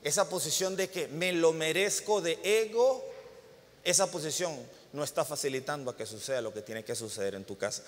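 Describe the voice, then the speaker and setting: A fairly high-voiced man in his thirties delivers a sermon to a congregation. He tells stories vividly, acting out scenes with sudden loud outbursts. His voice rings out with long reverb in a church hall. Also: moderate pace. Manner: animated storytelling, acts out scenes with sudden loud bursts. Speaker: pastor.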